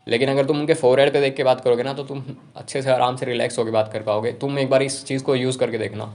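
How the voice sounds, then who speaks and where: A young man giving casual self-improvement advice to camera, talking rapidly and informally. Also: medium pitch, steady tone, a little mellow. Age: young adult.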